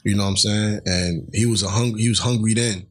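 A man's voice: fairly low pitch, steady tone, brisk. A man, a rapper guest, talking in a slangy casual way and laughing a lot. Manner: slangy, laughing, talks over others. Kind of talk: casual chat.

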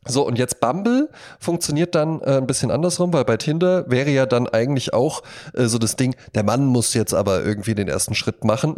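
A man co-hosting a podcast chats casually, cracking jokes and acting out little quotes while he explains things. His voice is mid-range with a darkish tone.

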